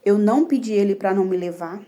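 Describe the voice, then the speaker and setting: Brazilian woman telling her faith testimony at home, warm soft voice, keeps saying brothers, emotional. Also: medium pitch, fast talker. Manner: emotional, repetitive, addresses listeners as brothers. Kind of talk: religious testimony. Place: indoor home room.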